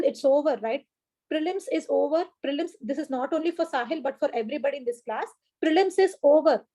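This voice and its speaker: A warm, high-pitched woman's voice comes through a rough recording. An online exam coaching teacher with an Indian English accent, she teaches live on a video call, naming students as she greets them, encouraging them, and repeating key points via a laptop or headset mic.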